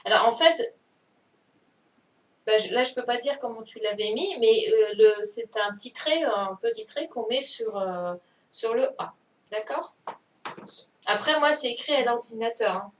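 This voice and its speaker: Woman teacher, slow and patient, video-call audio a little distant. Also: fairly high pitch, lively intonation. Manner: patient, repeats and checks understanding. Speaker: primary school teacher. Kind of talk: online class dictation correction. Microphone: computer mic on a video call. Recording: distant mic with faint noise.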